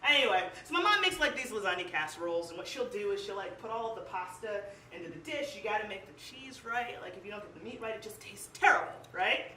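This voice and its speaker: A young Cleveland woman delivers spoken word poetry with emotion and emphasis, leaning heavily on "like." Her mid-range voice is expressive, bright and forceful, moving at a quick pace with few pauses. It's captured from a distance in a small live music venue, with roomy echo and a bit of hiss or hum.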